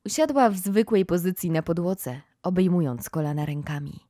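A woman narrating a children's classic audiobook in a calm, measured reading. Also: fairly low pitch, no echo, studio quality. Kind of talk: scripted narration.

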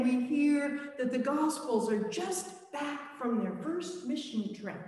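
A woman priest delivers a sermon, slow and reflective, in a storytelling way. Her voice is high and rings with the long reverb of the church. She is heard from a distance off the mic. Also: darkish tone. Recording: echoey church, mic far off.

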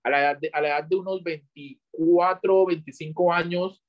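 A man in his thirties from Colombia, a podcast guest telling his story haltingly over a video call. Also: fairly high pitch, fairly even intonation. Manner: halting, restarts often, gestures while talking. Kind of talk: casual interview talk. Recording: dull lo-fi video call audio.

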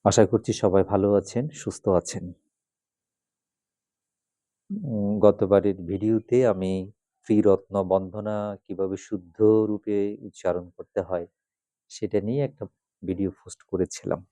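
A Buddhist monk, patiently explaining chant pronunciation and slowly reciting the refuges. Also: male voice, sits low, steady tone, warm tone, no echo. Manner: measured, patient, repeats and spells out syllables.

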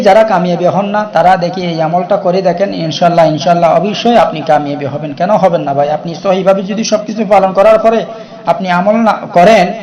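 A man with a notably high voice leads an instructional lesson on a devotional practice. He recites Arabic chants in a slow, deliberate cadence, then returns to plain explanation, often pausing to ask whether the listener is following. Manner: repeats 'okay?' to check the listener is following. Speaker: spiritual practice teacher. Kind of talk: instructional talk to viewers.

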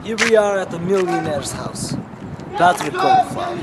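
A man's voice: high-pitched, wildly swooping pitch, normal speed, over a noisy crowd. A man playing a pompous male reporter with a put-on Russian accent, talking in an overly polite, pleading way. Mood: flustered. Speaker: interviewer. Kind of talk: comedy skit acting. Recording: noisy amateur camera audio.

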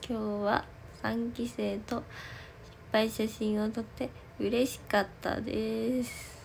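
A woman's voice: a little high, level tone, takes it slowly, gravelly, slight background noise. A young woman livestreaming as an idol, chatting casually in a giggly, rambling way with lots of fillers.

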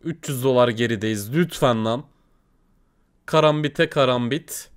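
A young man giving casual gaming commentary to his viewers, excitable and swearing when things go wrong. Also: mid-range voice, unhurried, smooth. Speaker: gaming video host.

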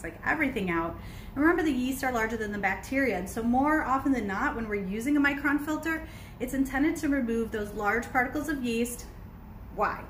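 A woman's voice: on the high side, fairly bright tone, reverberant, slight background noise, low-quality recording. A woman in her forties, sitting indoors, teaching kombucha brewing in a chatty, explanatory way with many fillers, recorded on a phone at arm's length. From United States. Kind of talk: casual livestream teaching. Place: indoors on a couch by large windows. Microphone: phone camera at arm's length.

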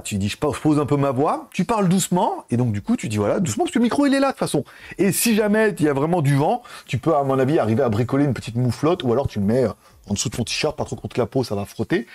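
A man's voice: fairly high pitch, darkish tone. A man chatting through a casual product review, rambling and correcting himself mid-sentence on a wireless lapel mic. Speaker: tech reviewer.

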